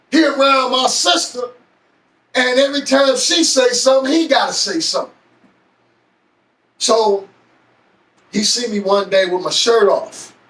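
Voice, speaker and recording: A man telling a personal story in a slow, deliberate way with long pauses. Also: very high-pitched, a bit bright. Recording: echoey room, far from mic.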